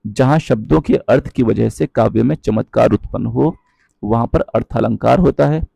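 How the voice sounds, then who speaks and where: A man teaching a Hindi grammar lesson, explaining patiently, checking in with his viewers often and reciting verse lines slowly. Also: medium pitch, gravelly, dark tone, husky, no room sound. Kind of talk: online exam-prep lesson.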